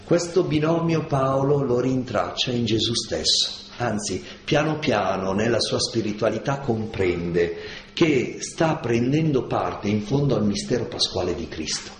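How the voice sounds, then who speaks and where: A man giving a slow, deliberate lecture on scripture, stressing key words and asking rhetorical questions. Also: mid-range voice, lively intonation, slight background noise. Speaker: lecturer on Paul's letters. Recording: echoey room with faint ambience.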